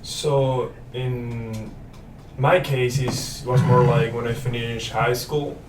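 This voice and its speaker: A man's voice: mid-range voice, level tone, slow, far from the mic. A young man in his twenties from Paraguay, a native Spanish speaker, chatting as a student guest in a friendly, rambling way with many fillers and restarts. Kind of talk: casual interview chat. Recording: roomy, off-mic with faint noise.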